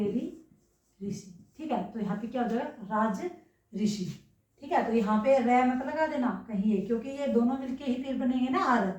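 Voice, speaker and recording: A young woman teaching a grammar lesson, her voice sitting a little high. She keeps asking questions and then answering them herself. She is recorded from a distance in an echoey room. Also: a little mellow. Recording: echoey room, mic far away.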